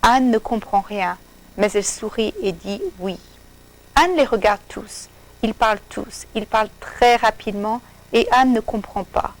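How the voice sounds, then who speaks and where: A woman reads a simple storybook aloud for learners, slow and clear. Her sentences are short and evenly paced, in a mid-pitched voice. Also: poor audio. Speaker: narrator.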